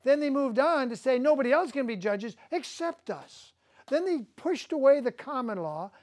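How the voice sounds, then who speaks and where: A man's voice: very high voice, lively intonation, moderate pace. A man hosting a studio talk show, ranting emphatically and indignantly.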